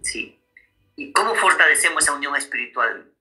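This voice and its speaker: Bright-voiced man preaching a sermon. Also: a little high, lively intonation, moderate pace, soft background music, low-quality recording. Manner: frequent tag questions to listeners; addresses listeners as brothers. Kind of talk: sermon on marriage.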